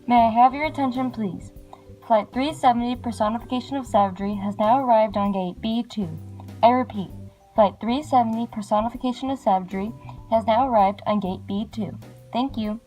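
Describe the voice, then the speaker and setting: A woman playing a formal airport gate announcer, making polite, measured announcements over the intercom. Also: fairly high pitch, dark tone. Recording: dull lo-fi sound, faint music behind.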